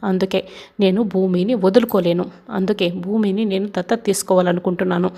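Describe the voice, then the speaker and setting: A woman with a gravelly voice voicing a stern middle-aged father who scolds firmly. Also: mid-range voice, steady tone, a little fast, mellow. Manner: scolding, firm.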